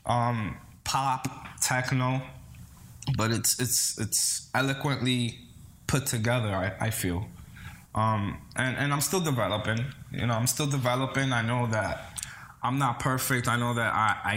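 There's a little hiss or hum as this man speaks a little slowly in a mid-range, slightly bright voice with fairly even intonation. The interview guest, a singer-songwriter from the Bronx who grew up first in the Dominican Republic, comes across casual and earnest, faltering and repeating words.

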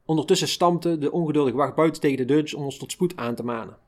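A man with a voice fairly high for a male reads a first-person memoir aloud, keeping a steady, measured delivery.

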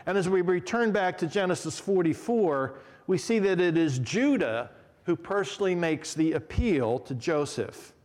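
A man's voice: sits high, lively intonation, normal speed, darkish tone. Guy preaching a sermon, earnest, walks through bible verses, echoey big hall. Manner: earnest, explanatory preaching with scripture references. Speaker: pastor.

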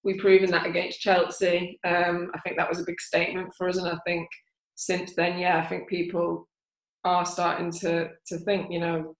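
Woman footballer chatting on a podcast, pretty flat delivery, roomy echo. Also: fairly low pitch, moderate pace. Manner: relaxed, thinks aloud with fillers. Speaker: footballer guest. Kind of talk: casual podcast chat.

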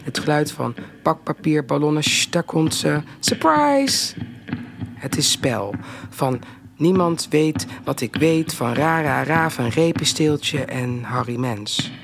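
A man's voice: fairly high pitch, measured pace, gravelly. A man reciting spoken word poetry intensely, dropping at times to a whisper.

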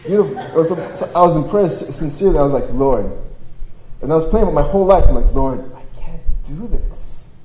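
Brisk and lively in intonation, a priest with a slightly high, dark male voice shares a jokey personal testimony with young adults, staying conversational, slangy and self-deprecating. He comes from Toronto, Canada, was born in Poland, and first spoke Polish. His stage mic feeds a PA at a live gathering in a big echoey room with faint noise.

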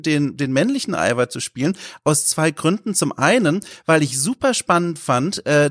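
A man's voice: on the high side, no room sound. Thoughtful man, dry close sound. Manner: thoughtful, earnest and articulate. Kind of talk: casual podcast discussion.

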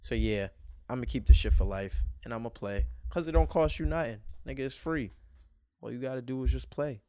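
A man hosting a podcast, telling a story as a profane, animated rant full of acted-out reactions. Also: mid-range voice, fairly quick, clear, resonant tone, no room sound, clean studio sound. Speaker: podcast host.

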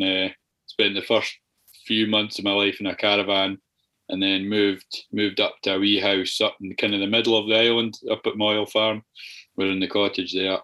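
A man's voice: sits low, poor audio. A Scottish man in his thirties, a fisherman, talking casually and hesitantly over a crunchy video call. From Scotland. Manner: relaxed, hesitant, with restarts. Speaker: fisherman guest. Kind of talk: casual conversation.

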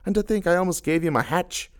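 A man's voice: high voice, quick pace, pitched above the performer's own voice, natural voice. A man voicing a furious, betrayed female sea creature who shrieks insults. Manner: shrieking, raging, spitting insults.

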